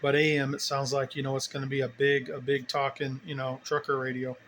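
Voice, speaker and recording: A man casually showing his radio setup, talking in a relaxed, rambling way as he thinks aloud. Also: mid-range voice, fairly quick, slight background noise. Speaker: CB radio hobbyist vlogger. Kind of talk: casual hands-on demo.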